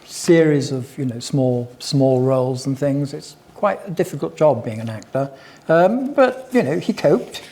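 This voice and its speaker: A man's voice: medium pitch, expressive, a little slow, warm tone. An older man giving a chatty public talk, full of wry asides and digressions. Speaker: guest speaker at a local history talk.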